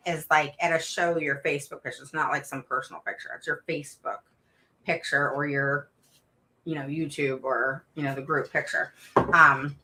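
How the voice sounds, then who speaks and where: A middle-aged woman hosts a live stream for special education parents, reading viewer comments aloud and calling herself a roaring mama advocate. Her low voice has a bright, forceful edge, and she speaks frankly with lots of fillers and restarts.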